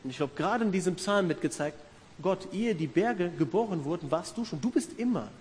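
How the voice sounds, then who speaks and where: A man's voice: high-pitched, expressive, brisk, a little mellow. A middle-aged man preaching a sermon in an earnest, conversational way, asking his listeners questions. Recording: reverberant hall with faint hiss.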